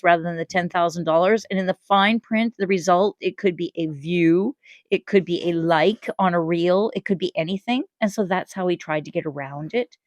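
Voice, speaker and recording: A woman's voice: mid-range voice, no echo. Woman ranting about a marketer, blunt and fed up, dry close sound. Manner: blunt, indignant. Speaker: channel host. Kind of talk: critical commentary.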